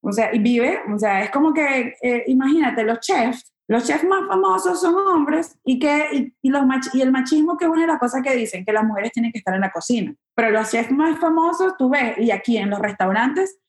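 A young woman comedian chatting casually in an interview, animated and full of filler words. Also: a little high, fairly quick, hardly any pauses, echoey room.

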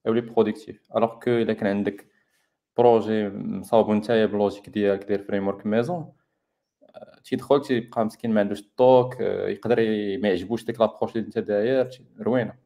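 A man's voice: lowish voice, fairly even intonation, rapid-fire, vocal fry, lo-fi sound. A man with a Moroccan accent explaining casually in a discussion, dropping in borrowed terms. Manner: explanatory, mixing in French terms.

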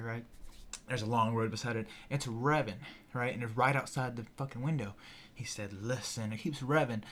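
Animated young man telling a wild story. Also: mid-range voice. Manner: animated, profane, acts out voices in his story. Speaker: podcast guest. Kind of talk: casual storytelling chat.

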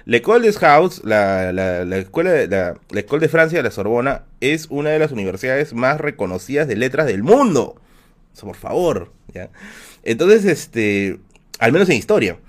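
A man's voice: medium pitch, moderate pace. Peruvian guy on his stream telling a story, voice jumps up and down a lot, tons of slang and fillers. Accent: Peruvian Spanish. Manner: animated, slangy anecdote telling with many fillers. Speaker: livestream host. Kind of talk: casual storytelling on a live stream.

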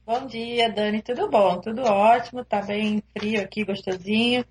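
A woman's voice: medium pitch, steady tone, moderate pace. A young woman from Recife with a Pernambuco Brazilian accent, chatting as an interview guest over a remote call, hesitant and laughing easily. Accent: Pernambuco Brazilian Portuguese. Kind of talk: casual interview chat.

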